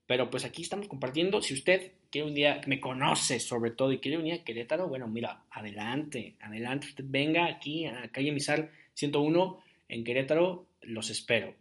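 A young man talks alone into his podcast mic. He rambles in a loose, chatty way and fills his talk with fillers. His voice sits at an ordinary middle pitch. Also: moderate pace, hardly any pauses, a bit bright. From Jalisco, Mexico. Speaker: podcast host. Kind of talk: casual solo podcast monologue.

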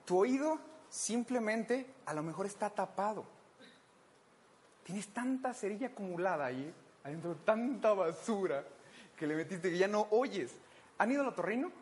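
A woman's voice: medium pitch, animated, normal speed, darkish tone. A woman with a Mexican accent preaching a conversational sermon, playful and jokey, acting out little scenes for her listeners. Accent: Mexican Spanish.

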